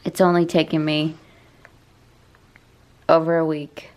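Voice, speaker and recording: A woman's voice: deep voice, level tone, slow, darkish tone. A young woman chatting casually to the camera in an upbeat vlog, with self-mocking asides. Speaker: vlogger. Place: car on a road trip, then home.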